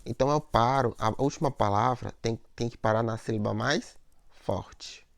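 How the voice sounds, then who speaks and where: A man's voice: medium pitch, normal speed, vocal fry, dry recording. A man teaching a lesson on poetic meter, explaining step by step, repeating words, and checking in with "né?" and "ó".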